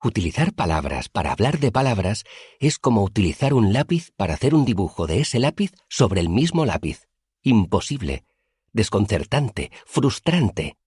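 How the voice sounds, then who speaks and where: A man voicing an eccentric, childlike male master who shouts excitedly in an audiobook, with a husky voice. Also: fairly low pitch, moderate pace, dry recording, clean studio sound, pitched above the performer's own voice, exaggerated voice. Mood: exalted.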